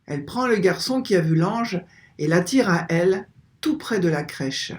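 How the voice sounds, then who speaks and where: A reader narrating a gospel scene in a gentle, reverent manner. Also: mid-range voice, lively intonation, normal speed. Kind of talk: devotional scripture-style reading.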